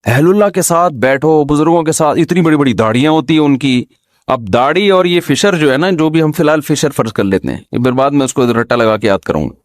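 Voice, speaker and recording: A man delivers an informal religious talk in a slightly higher-than-usual voice. He is humorous and keeps putting rhetorical questions to his audience. The sound is dry and close, with almost no room echo. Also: animated. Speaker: Islamic scholar giving a talk.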